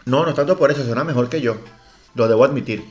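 A man's voice: medium pitch, fast, a little mellow, dull audio. A man co-hosting a comedy podcast, joking around in crude, teasing banter. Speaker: podcast co-host.

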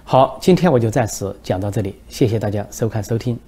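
Brief: male commentator, husky and dark, lively storyteller. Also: lowish voice, quick pace. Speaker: host. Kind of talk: political commentary, telling a satirical joke.

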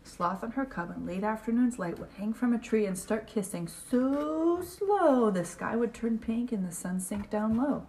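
A woman's voice: medium pitch, moderate pace, few pauses, warm tone, slight background noise. A woman reading picture books aloud to a small child in a playful, sing-song way, dropping some refrains to a whisper.

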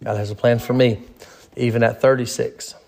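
A man's voice: medium pitch, flat delivery, moderate pace, vocal fry, a little mellow. A man in his thirties leading an informal Bible study, talking plainly and repeating phrases for emphasis. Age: 30s. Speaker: pastor.

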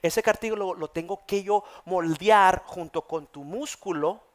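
A man with a Mexican accent voicing a brisk, matter-of-fact female physical therapist, his voice raised higher as she gives instructions. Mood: instructing.

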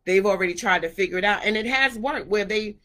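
A woman in her thirties talking casually about raising her children, in a relaxed storytelling way. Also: mid-range voice, fairly quick. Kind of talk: casual parenting talk to camera.

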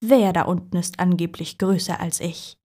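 A woman voicing a vain, boastful male moon in a storybook reading, with a loud, grandiose manner. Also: lowish voice, steady tone, normal speed, lightly acted. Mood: proud.

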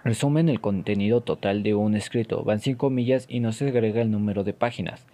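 A man's voice: lowish voice, brisk, dark tone. A man delivering scripted educational narration as an explainer, in a playfully formal, instructional manner.

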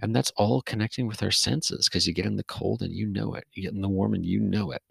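Low gravelly man musing casually. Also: quick pace, dry recording. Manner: rambling, relaxed, with frequent fillers and restarts. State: yawning, a little tired. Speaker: podcast host. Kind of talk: casual solo podcast monologue. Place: recorded outdoors near a forest.

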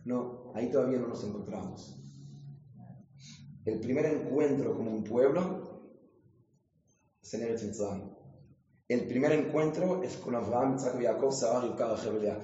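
A man's voice: mid-range voice, normal speed, long pauses, dark tone. Man, rabbi, playful questions to the audience, big reverberant hall, muffled lo-fi sound. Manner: jokes and quizzes the audience with questions. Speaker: rabbi teaching a class. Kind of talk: lively Torah class in a synagogue. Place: synagogue hall. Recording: echoey hall, dull lo-fi sound.

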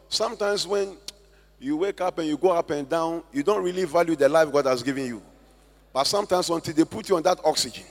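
A man with a Ghanaian accent preaching a sermon as a pastor, with slow emphatic stress and loud swells. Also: on the high side. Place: church hall. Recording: long church hall reverb.

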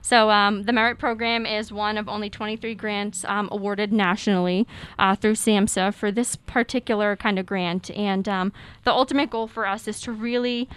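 Female radio interview guest, crisp clean voice, conversational answers. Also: mid-range voice, steady tone, moderate pace, fairly bright tone. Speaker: interview guest, nonprofit program worker. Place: radio studio.

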